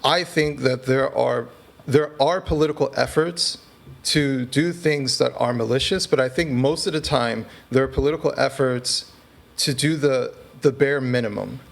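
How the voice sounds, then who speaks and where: A man, a podcast guest, talking through his argument in an earnest, measured way and often checking in with the listener. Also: medium pitch, gravelly. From United States. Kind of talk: conversational interview.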